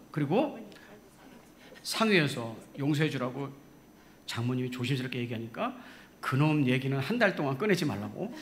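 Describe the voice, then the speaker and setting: A man pastor preaching a sermon, telling a story in an animated way and laughing along. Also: mid-range voice, a little hiss or hum. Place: church sanctuary.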